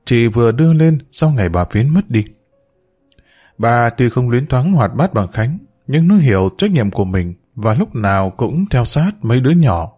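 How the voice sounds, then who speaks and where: A man hosting his own channel, reading a serialized story aloud in a measured, calm manner. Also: mid-range voice, faint music behind.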